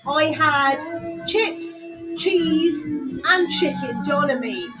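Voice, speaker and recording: A woman's voice: high-pitched, very slow, music in the background. A woman hosting a live local radio show with a West Country English accent, chatting casually and rambling with frequent laughs and fillers. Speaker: radio host.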